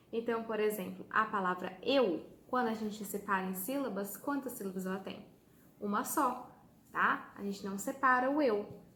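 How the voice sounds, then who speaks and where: A woman's voice: mid-range voice, slight background noise. A woman teacher giving a patient online lesson to children, checking in often and stressing words for emphasis. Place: room with a whiteboard. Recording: echoey room.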